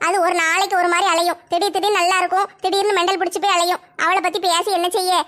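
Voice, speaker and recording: Woman, very high voice, bright tone, bickering village comedy skit, dramatic wailing. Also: level tone, fast talker. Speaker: skit performer voicing village women.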